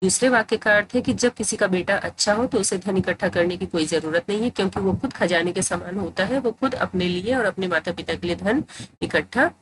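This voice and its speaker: A woman teacher talks through a grammar lesson at a steady, even pace, her pitch sitting in the middle of the range. She explains patiently and repeats phrases to drive each point home. Faint background noise hums under her voice. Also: brisk, low-quality recording. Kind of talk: explanatory tutorial.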